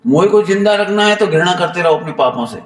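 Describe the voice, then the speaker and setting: A man giving a Jain sermon to a seated audience, animated and playful, teasing his listeners now and then. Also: high-pitched, a little fast. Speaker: Jain preacher. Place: temple hall. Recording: echoey hall, mic far off.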